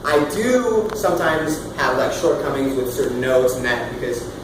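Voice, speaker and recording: A man in his thirties leading a casual singing workshop, loud and animated, swearing now and then and demonstrating sounds as he explains. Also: mid-range voice, moderate pace. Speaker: vocal coach. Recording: roomy, far from the mic, with room noise.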